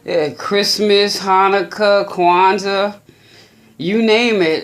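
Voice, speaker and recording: A tarot reader giving a gentle, unhurried birthday reading to viewers, musing aloud and restarting phrases. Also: mid-range voice.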